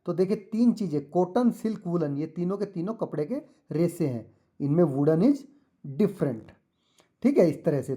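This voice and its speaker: Male tutor for kids, slow careful reading, patient explainer, warm mellow tone, slightly higher-pitched voice. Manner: mixes English and Hindi, reads English slowly then explains; patient, repetitive, addresses children directly. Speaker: teacher. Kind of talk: explaining a school textbook lesson to children.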